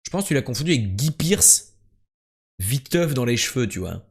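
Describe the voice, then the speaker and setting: A young man streaming quiz games live, chatting casually and joking, jumping between loud bursts and low mumbles. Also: big pitch swings, moderate pace, breathy edge.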